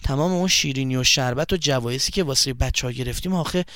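A man's voice: on the high side, dry recording, studio quality, natural voice. A man voicing a shy, earnest boy who explains himself in a bashful way.

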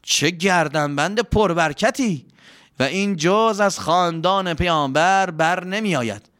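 A man's voice: sits high, pitched above the performer's own voice. A man voicing an eager, chatty male servant who talks in a raised, exclamatory voice. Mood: overjoyed. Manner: raised, animated voice, quick and exclamatory.

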